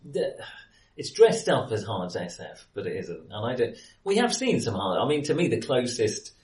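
In a roomy, echoey recording, a male film podcast host talks loosely about movies, stumbling and fixing his words as he goes. His medium-pitched voice swings widely in pitch, with a somewhat dark tone and a normal speaking speed.

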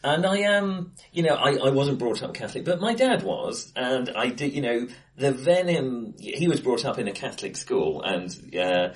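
With a medium-pitched voice and very animated intonation, a male podcast co-host reviews films in casual discussion, talking at normal speed and barely pausing. The recording, made face to face in a reverberant indoor room, comes across as echoey and acoustically bright.

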